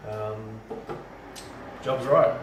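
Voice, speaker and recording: Distant rambling home brewer, roomy sound. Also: male voice, fairly low pitch, fairly even intonation, extremely slow, lo-fi sound, noisy background. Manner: rambling, lots of ums and restarts. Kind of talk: casual how-to video. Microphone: camera from a distance. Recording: roomy and distant camera mic.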